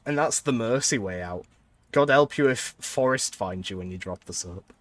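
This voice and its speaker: A man's voice: lowish voice, animated, normal speed, fairly bright tone. A man casually commentating a building game, thinking aloud and laughing often. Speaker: streamer.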